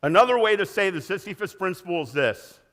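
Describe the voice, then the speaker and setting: A man in his sixties giving an energetic motivational keynote in a large conference hall, asking the audience questions. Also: high-pitched, fairly quick. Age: 60s. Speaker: keynote speaker.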